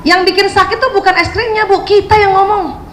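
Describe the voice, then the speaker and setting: A woman giving a lively, chatty talk on parenting to an audience of mothers and acting out scenes between mother and child. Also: extremely high pitch, a little fast, a little hiss or hum. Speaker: parenting speaker. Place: hall with an audience. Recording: echoey hall, faint ambience.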